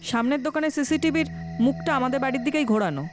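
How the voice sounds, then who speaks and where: A woman's voice: high-pitched, very fast, background noise, close to an everyday voice. An actress playing a suspicious wife who questions her husband pointedly. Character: suspicious wife, probing and sharp. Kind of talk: web series acting.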